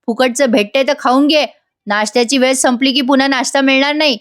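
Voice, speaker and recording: A woman's voice: high-pitched, fairly even intonation, brisk, lightly acted. A woman voicing a harsh female jail constable who talks in a scolding, bossy way.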